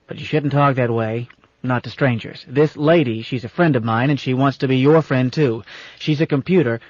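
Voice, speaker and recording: A male narrator lightly acts the part of a gruff old captain, stern and folksy, commanding yet fond underneath. He is a little louder than the narration, at medium pitch and a moderate pace, in a dry space on a dull, lo-fi recording.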